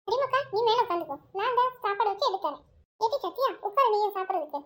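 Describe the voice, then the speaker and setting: A woman's voice: extremely high pitch, animated, fast talker, a bit bright. A woman voicing a scolding middle-aged mother in a home family drama where she plays every role. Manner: scolding, calls daughters "ஏடி". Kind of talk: home family drama, one narrator voicing all roles.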